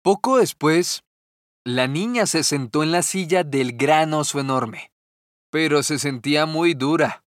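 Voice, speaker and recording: A man narrating a children's fairy tale in a gentle, measured storytelling manner. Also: fairly high pitch, dry recording, clean studio sound.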